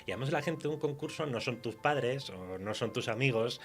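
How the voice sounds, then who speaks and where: A man with a Castilian Spanish accent and an animated, brisk mid-range voice is interviewed on the radio as a writer. The conversation is casual, and he talks candidly and colloquially.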